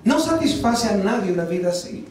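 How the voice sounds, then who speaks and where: A man preaching a sermon as pastor, lively, asking the congregation questions and acting out little scenes. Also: sits high, brisk. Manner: lively preaching with acted-out voices and rhetorical questions. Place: church. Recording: echoey church hall, distant mic.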